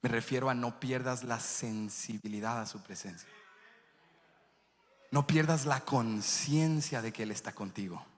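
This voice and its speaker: A male pastor preaches with passion in a church sanctuary, telling vivid stories in a mid-range voice at a measured pace. The recording echoes like a church hall.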